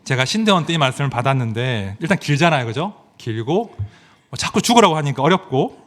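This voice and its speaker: A middle-aged man preaching a sermon as pastor, emphatic and animated, swinging from loud exclamations to quiet asides and asking rhetorical questions. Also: mid-range voice, a little fast. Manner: asks the congregation rhetorical questions.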